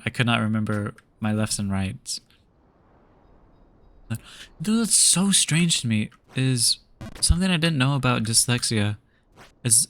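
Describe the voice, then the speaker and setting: A young man with a gravelly edge to his mid-pitched voice rambles to his viewers while gaming at home. He talks in a loose, laid-back way, trailing off and restarting often. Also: a bit bright. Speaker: streamer. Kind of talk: casual chat while gaming.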